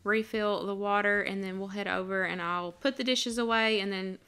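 Woman, 30s, homemaking vlog voice-over; friendly and chatty, crisp and resonant tone. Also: medium pitch, fairly even intonation, normal speed, pushed and bright. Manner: chatty, friendly, laughs easily. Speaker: homemaking vlogger. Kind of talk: casual voice-over narration.

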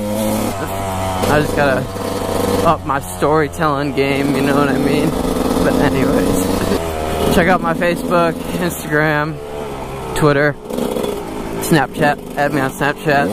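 A man's voice: on the high side, unhurried, pauses often. A young man vlogger casually telling a rambling story with lots of fillers while riding a dirt bike outdoors. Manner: rambling, filler-heavy, relaxed. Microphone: helmet or handlebar action camera. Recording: loud engine and wind noise. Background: motorcycle engine.

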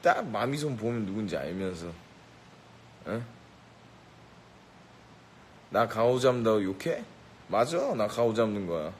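A man with a slightly low voice jokes around with a live crowd. His tone is brash and boastful, and he barks playful orders and taunts. A faint rumble sits underneath. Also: very animated, a little slow, pauses often, poor audio. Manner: brash, boastful, mock-bossy. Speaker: rapper addressing a live audience. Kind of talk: teasing live banter.

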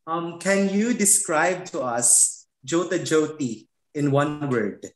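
Friendly woman co-host, lowish voice, slow pace, echoey room on a video call. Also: animated. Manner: slow, friendly, halting with ums. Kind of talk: interviewing guests on a video call.

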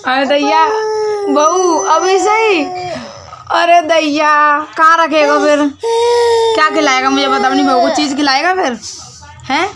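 A woman's voice: high-pitched, unhurried, pauses often, very noisy. A woman vlogging casually at home, teasing a little child in a playful, chatty way, with an Agra Hindi accent. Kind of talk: casual home vlog chat.

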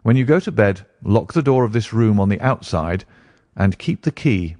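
A man voicing a sharp, commanding male detective who speaks briskly and insistently. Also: lowish voice, lively intonation, dry recording, natural voice.

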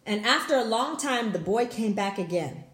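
A woman vlogger gives animated, blunt commentary, sometimes profane. Her voice sits a little high. The sound carries a roomy echo. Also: moderate pace, slight background noise. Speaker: vlogger reviewing a book.

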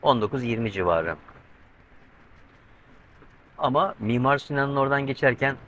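This is a casual vlog from a sailboat's covered cockpit, where a middle-aged man on his own explains things step by step to a camera with a pole mic, uneasy about the weather. His medium-pitched voice is expressive and a bit bright, at an ordinary pace. The sound is lo-fi, with a little hiss or hum.

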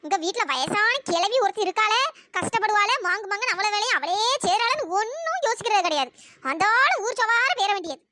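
A woman voicing a scolding, sharp-tongued old mother-in-law in a cartoon, cursing and grumbling, with a pitch-raised voice. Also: lively intonation, a little fast, exaggerated voice. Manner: cursing, nagging, wails when hurt. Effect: pitch-raised voice editing. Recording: noisy cartoon voice track.

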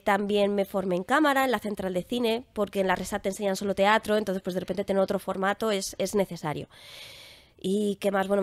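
Young woman, casual podcast guest, lively, chatty, dry close sound. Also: medium pitch, no room sound. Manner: lively, chatty, laughs often. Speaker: guest actress.

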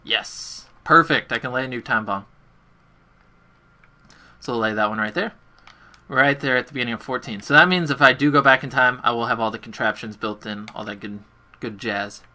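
A young gaming streamer talks to his chat at a normal pace while playing at home in his bedroom. His mid-range voice is very bright and forward, and his commentary stays chatty and self-deprecating. Keys clack faintly behind him.

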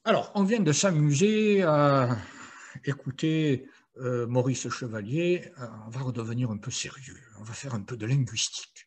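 A man's voice: mid-range voice, moderate pace, breathy edge. An older man, a retired professor, giving a playful university lecture with frequent hesitations.

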